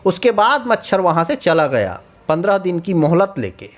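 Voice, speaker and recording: A man narrating a children's cartoon story, often pausing to ask the young listeners questions. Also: high voice, sing-song. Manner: asks the children questions, sing-song.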